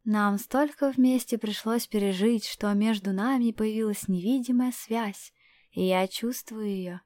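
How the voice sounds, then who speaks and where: Sly young man, a familiar, measured delivery, mid pitch; a woman reader voices him. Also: darkish tone, dry recording, clean studio sound, close to an everyday voice. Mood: earnest.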